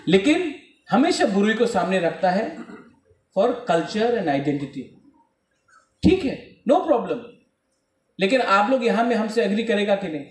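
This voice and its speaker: Man, high voice; exhorting speech to students; recorded from a distance in an echoing hall. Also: sing-song, takes it slowly, long pauses. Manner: exhorting, rhetorical questions to the crowd. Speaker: guest speaker at a student event. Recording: echoey hall, speaker off-mic.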